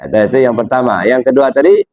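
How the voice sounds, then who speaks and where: A man giving a religious study lecture, asking his listeners rhetorical questions and jumping up in pitch to stress his points. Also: fast talker, dry recording, muffled recording. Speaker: Islamic religious teacher.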